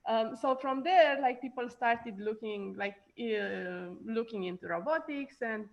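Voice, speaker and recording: A woman's voice: on the high side, measured pace, creaky, lo-fi sound. A woman from Romania, a robotics professor, answering interview questions casually with many fillers and hesitations.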